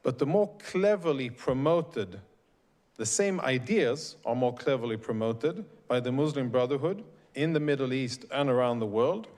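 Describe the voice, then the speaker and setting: A middle-aged Swedish man, invited to speak, delivers a prepared speech to a live audience. His mid-range voice is a little mellow, and his manner is deliberate and emphatic.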